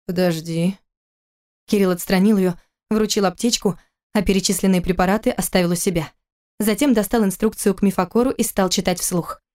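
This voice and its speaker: An audiobook narrator with a mid-range voice reads scripted narration in an even, measured manner.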